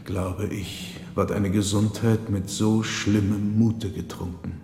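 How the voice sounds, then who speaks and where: A man narrating a radio drama in a measured, grave storytelling manner. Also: on the low side, little pitch movement, dark tone, a little hiss or hum. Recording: roomy reverberant hall.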